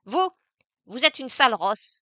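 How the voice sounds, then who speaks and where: A woman's voice: a little high, very animated, brisk, no echo, voice pushed up. A woman voicing an insolent, mocking young chambermaid in a dry-sounding audiobook reading. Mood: venomous. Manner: brash, taunting, loud.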